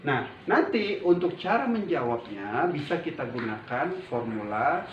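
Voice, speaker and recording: A man's voice: medium pitch, very animated, unhurried, a little hiss or hum. A man teaching an English grammar lesson in a classroom, patiently drawing out example sentences. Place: classroom with a whiteboard. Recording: dull roomy sound from a distant mic.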